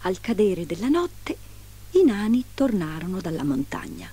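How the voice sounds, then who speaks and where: Expressive woman reading a fairy tale. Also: mid-range voice, normal speed, breathy edge. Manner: expressive, dramatic storybook narration. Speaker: storyteller.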